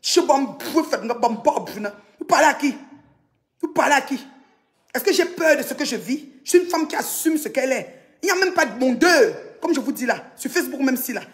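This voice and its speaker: A woman from Cameroon in an angry social media rant, scolding and mocking, swinging between loud outbursts and low mutters. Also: animated, fairly quick.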